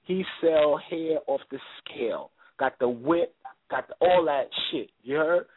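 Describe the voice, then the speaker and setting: A man's voice: on the high side, a little slow, husky, dry recording. A man in his thirties, a guest on a radio show, talking boastfully in profane street slang. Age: 30s. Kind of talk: casual radio talk. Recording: phone-line call-in audio.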